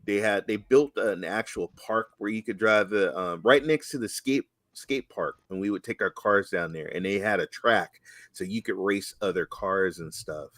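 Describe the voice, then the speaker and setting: A man co-hosting a casual chat, telling nostalgic stories with excited exclamations. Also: fairly low pitch, moderate pace, dry recording. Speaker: co-host.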